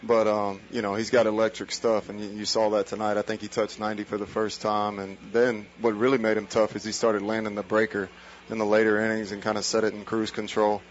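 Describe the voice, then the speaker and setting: An American man, a baseball coach, answering post-game interview questions in halting, informal talk. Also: lowish voice, flat delivery. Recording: dull lo-fi audio, faint background noise.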